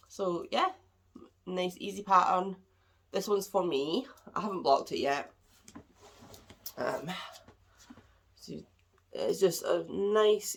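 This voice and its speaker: A woman's voice: fairly low pitch, vocal fry, breathy edge. A woman hosting a craft podcast, chatting casually and rambling a little, with a stuffed-up, slightly nasal voice from a cold. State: congested, a bit nasal. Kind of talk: casual chat about crafts. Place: at home.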